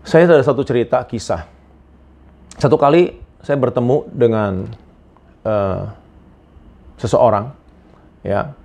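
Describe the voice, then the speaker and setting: A male pastor preaching a sermon, telling personal stories with big swings between loud emphasis and quiet asides. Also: medium pitch, slow pace, long pauses. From Indonesia.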